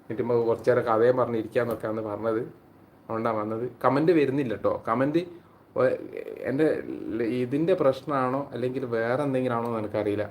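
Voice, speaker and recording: A man from Kerala, India, hosts a casual live stream on his phone, chatting with viewers by name and reading their comments aloud. He speaks fast in a medium-pitched, darkish voice, with a little hiss or hum in the audio.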